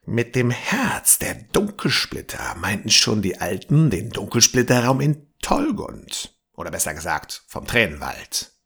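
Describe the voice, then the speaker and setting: Gruff old bearded guy, as a man reads him, slow and grave, gravelly and husky, whispers now and then. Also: fairly low pitch, sing-song, a bit bright, pitched above the performer's own voice, full character voice. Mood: grave warning. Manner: slow, grave warnings, sometimes dropping to a whisper.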